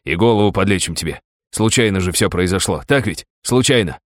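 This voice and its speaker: Sly young bully in a dry, close audiobook read, by a man; deep, soft, menacing. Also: expressive, brisk, no echo. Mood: placating.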